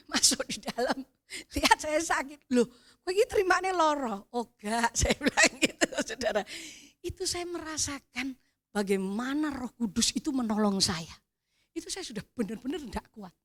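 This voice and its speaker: Woman, Javanese accent, middle-aged, preacher, sermon testimony, high-pitched, animated, near-shouting at peaks. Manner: animated storytelling, swelling to near-shouts, addresses the congregation as "saudara".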